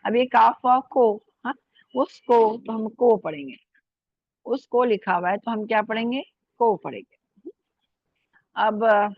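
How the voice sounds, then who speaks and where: A woman's voice: medium pitch, dry recording, highs cut off. A woman teaching an online Urdu lesson, patiently spelling out letters and syllables and checking in often with her students. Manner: patient, repeats "ठीक है" and "है ना" often.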